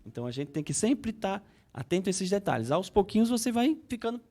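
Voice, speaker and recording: A male psychologist with a Brazilian Portuguese accent, talking through his points in an interview. His voice sits a bit higher than most men's, and he circles back on words while he thinks, sometimes voicing a worried inner dialogue. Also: big pitch swings, fairly quick, a little mellow. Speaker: psychologist guest. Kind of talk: conversational interview.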